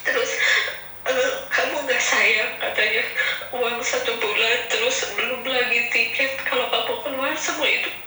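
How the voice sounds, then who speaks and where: A woman's voice: on the high side, steady tone, normal speed, sharp tone. Upset lady calling in, far from the mic, echoey, faint music behind. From Indonesia. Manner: upset, pleading, laughs nervously. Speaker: caller, domestic worker. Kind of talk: call-in chat, telling her story.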